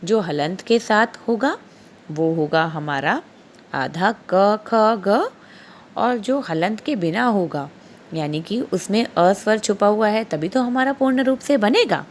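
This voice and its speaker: A woman's voice: medium pitch, animated, measured pace, a little hiss or hum. A woman teaching a recorded Hindi lesson to small children, stretching out each syllable and repeating every word twice for them to copy. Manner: addresses the children often, asks them questions. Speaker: primary school teacher.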